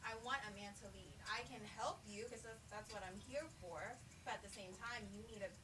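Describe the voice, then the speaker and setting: A woman's voice: a little high, brisk, distant mic, noisy background. A woman in a casual group chat on a podcast, frank and firm about her views. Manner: frank and decided, firm about what she wants. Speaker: podcast guest.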